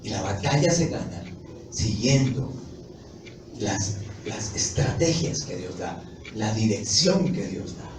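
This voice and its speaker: A man preaching a sermon emphatically, putting questions to his congregation and rising to loud exclamations. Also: on the low side, big pitch swings, slow. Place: church. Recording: echoey hall from a distance, noisy.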